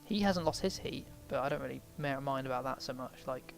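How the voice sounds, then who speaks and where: A man's voice: mid-range voice, brisk, vocal fry, soft background music. A man giving casual let's play commentary, rambling and thinking aloud as he plays a game. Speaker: game streamer.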